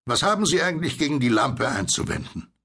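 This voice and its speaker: A man playing a blunt, gravelly sailor calling out. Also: fairly low pitch, lively intonation, moderate pace, heavily acted. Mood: challenging. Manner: calling out loudly, blunt and challenging. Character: bluff, practical sailor man, hailing the dark.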